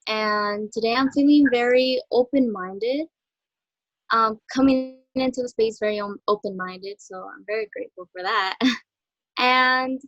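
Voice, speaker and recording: A woman's voice: on the high side, no echo, highs cut off. A woman joining a webinar on a video call, friendly and easygoing. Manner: friendly, easygoing with soft laughs. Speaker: webinar participant. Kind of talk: casual video call chat.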